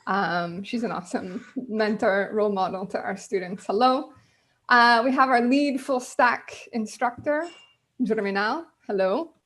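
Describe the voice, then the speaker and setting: Woman, host, video call, casual panel chat, many ums, mid pitch. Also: a little slow, fairly bright tone.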